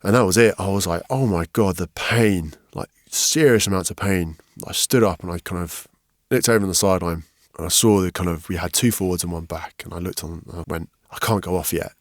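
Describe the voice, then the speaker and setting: A man, a podcast guest, telling his story candidly and frankly, getting animated when he quotes other people. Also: low-pitched, fairly quick, no room sound, studio quality. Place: podcast studio.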